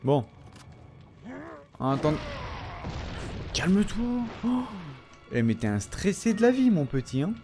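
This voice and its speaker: Excitable young French-speaking gamer. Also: male voice, fairly high pitch, slow pace, pauses often, soft background music. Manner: excitable, swears and trash-talks enemies. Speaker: let's play commentator. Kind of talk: casual gameplay commentary.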